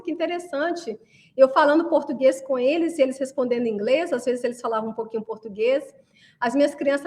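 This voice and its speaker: A woman from Brazil giving a chatty class to parents, often asking listeners to agree as she talks. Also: high-pitched. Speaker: course creator addressing parents. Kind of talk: casual promotional class talk.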